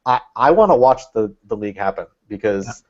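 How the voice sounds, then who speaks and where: A man's voice: on the low side, lively intonation, brisk, darkish tone. A man talking as a podcast guest in casual chat, rambling and thinking aloud with lots of fillers. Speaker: guest, Red Bulls fan. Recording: dull lo-fi sound.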